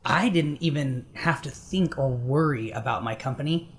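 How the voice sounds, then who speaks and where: A man's voice: medium pitch, normal speed, slight background noise. A middle-aged man hosting a business podcast, talking in an upbeat, affirming way. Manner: upbeat, affirming, laughs easily. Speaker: podcast host. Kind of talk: casual interview talk.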